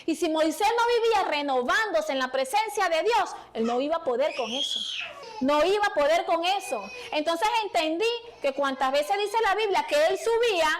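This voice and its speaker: A woman preacher giving a fervent sermon in a small church, calling out to the congregation and pleading with them. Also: high voice.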